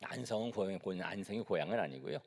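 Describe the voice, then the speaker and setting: A middle-aged male pastor from Seoul preaches to his congregation, talking with them and asking them questions. His pitch rises and falls a great deal, with a gravelly edge. The sound has a long echo from a church hall. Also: lively intonation, fast talker, a little mellow. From Seoul, South Korea. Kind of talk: sermon. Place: church sanctuary.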